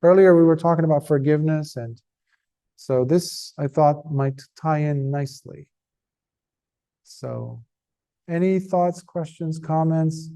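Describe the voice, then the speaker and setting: A monk addresses a group in a weary, earnest Dhamma talk, chatty in style and marked by emphatic stresses and pauses. He has a warm, somewhat high voice.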